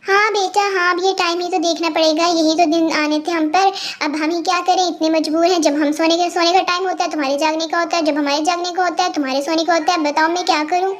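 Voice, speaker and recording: Woman playing a middle-aged mom, nagging, theatrical, very high voice, fan audio drama. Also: fairly even intonation, quick pace, hardly any pauses. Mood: scolding. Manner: scolding, complaining, theatrical. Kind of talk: fan audio story acting.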